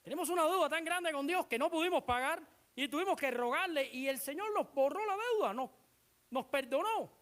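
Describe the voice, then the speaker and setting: Lively, animated preacher. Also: high-pitched, brisk. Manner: animated, asks the congregation rhetorical questions; retells scripture with dramatic emphasis. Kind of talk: sermon.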